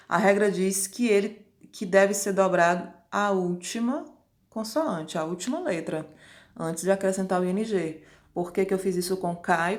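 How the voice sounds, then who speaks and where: A woman teaching an English grammar lesson, patiently going through the rules step by step and checking with questions. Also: medium pitch.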